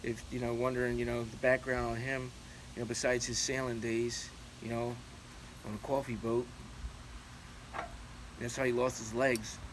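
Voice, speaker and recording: A man in his forties chats casually and haltingly to his viewers, rambling through anecdotes and repeating himself as he goes. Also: mid-range voice. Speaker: YouTube channel host. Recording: clearly noisy, steady background ambience.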